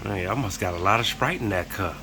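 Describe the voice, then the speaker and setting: A woman's voice: rumbling low, brisk. A woman chatting casually and playfully as she hosts a kids' challenge, teasing and encouraging, on a noisy home video. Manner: teasing, encouraging banter with children. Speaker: adult filming and hosting a kids' drink challenge.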